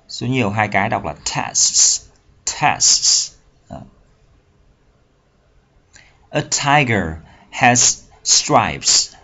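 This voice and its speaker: A man with a Vietnamese accent leads a bilingual vocabulary lesson. He reads English sentences unhurriedly, then explains them in Vietnamese and drills each word several times. His voice sits fairly low, and the audio sounds slightly muffled. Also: pushed and bright. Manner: repeats words to drill pronunciation. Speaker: English teacher.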